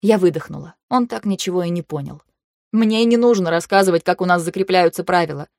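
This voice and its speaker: A woman's voice: lowish voice, quick pace, darkish tone, no room sound, clean studio sound. Impassioned woman narrating fantasy. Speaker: audiobook narrator. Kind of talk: first-person fantasy narration.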